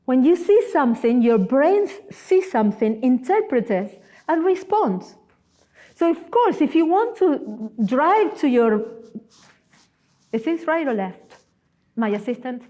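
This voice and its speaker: Woman in her forties, church guest speaker, high voice, very animated storytelling. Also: a little slow. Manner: animated, storytelling, humorous asides. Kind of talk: sermon with personal stories.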